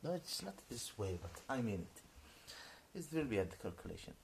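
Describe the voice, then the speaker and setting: A man of about forty in a ranting YouTube monologue, halting and repetitive, swinging between shouted outbursts and low muttering. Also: sing-song, vocal fry, a little hiss or hum.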